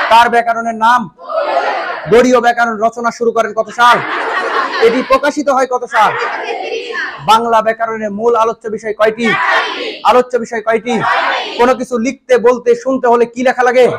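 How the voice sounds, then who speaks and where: A Bangladeshi man teaching a nursing coaching class, firing loud grammar questions at students and often laughing as they answer. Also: very high-pitched. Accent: Bangladeshi Bengali. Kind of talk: call-and-response grammar quiz class. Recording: noisy classroom recording with student crowd. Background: students answering in chorus.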